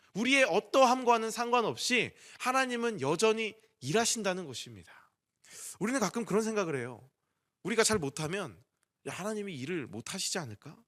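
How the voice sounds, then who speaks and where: A man's voice: high voice, a bit bright. A young man preaching an earnest dawn prayer sermon, putting rhetorical questions to the congregation.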